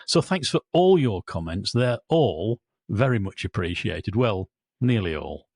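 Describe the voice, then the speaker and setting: A man's voice: lowish voice, very animated, measured pace, darkish tone, slightly rough, dry recording, studio quality. A British man hosting a railway podcast, bantering and reading listener mail in a jovial, self-deprecating way. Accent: British English. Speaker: podcast host.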